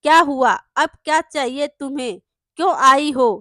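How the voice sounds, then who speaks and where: A woman voicing an arrogant male landlord painter who shouts, scolds and boasts, in a storybook reading. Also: sits high, slow, no echo, clean studio sound, exaggerated voice. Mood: scolding.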